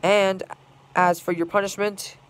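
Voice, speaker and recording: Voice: mid-range voice, flat delivery, unhurried, a bit bright, smooth. A video maker delivering an angry scolding rant, repeating phrases and piling up complaints in long run-on chains.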